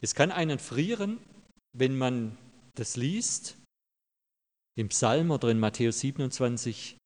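A man's voice: mid-range voice, animated, measured pace, darkish tone. A pastor delivering a sermon in a church, emphatic and direct with the congregation, repeating his key phrases. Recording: long hall reverb.

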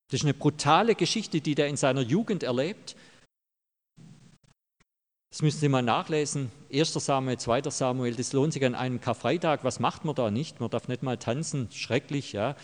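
A pastor delivering a sermon in a church, emphatic and direct with the congregation, repeating his key phrases. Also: medium pitch. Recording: long hall reverb.

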